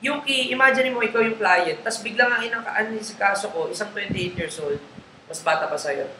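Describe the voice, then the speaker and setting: A man with a high-pitched voice speaks fairly quickly while training a network marketing group live. He talks casually in Tagalog and English and checks in with listeners a lot. The recording carries a roomy echo and faint background noise.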